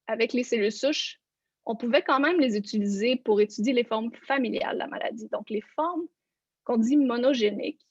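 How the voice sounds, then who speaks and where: A woman's voice: on the high side, husky, dry recording. A woman, a researcher giving an online lecture and walking listeners through her slides. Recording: dull, lo-fi online conference audio.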